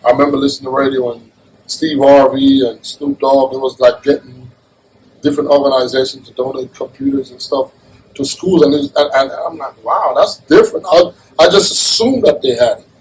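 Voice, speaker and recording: A man's voice: medium pitch, steady tone, moderate pace, breathy edge, low-quality recording. A man from Jamaica being interviewed, talking in an earnest, casual way and often restarting his phrases. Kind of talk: casual conversation.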